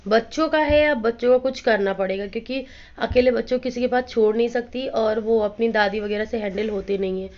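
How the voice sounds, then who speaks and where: Chatty hoarse woman vlogging at home. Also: a little high, brisk. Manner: chatty, addresses viewers directly. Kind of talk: casual home vlog chat. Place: at home, indoors. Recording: slightly dull lo-fi phone audio with faint noise.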